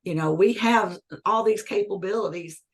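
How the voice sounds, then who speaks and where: A woman in her sixties speaks at a moderate pace in a mid-range voice during a conversational interview where she's the guest. She comes across as earnest and emphatic, often repeating her main phrases.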